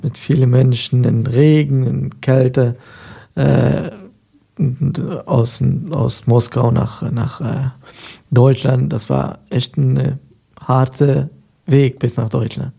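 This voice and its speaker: A man's voice: medium pitch, fairly even intonation, takes it slowly, creaky, warm tone, husky. A man in his thirties from Afghanistan, a guest on a local radio show, telling his story in a hesitant way with many fillers. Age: 30s. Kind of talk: casual interview talk.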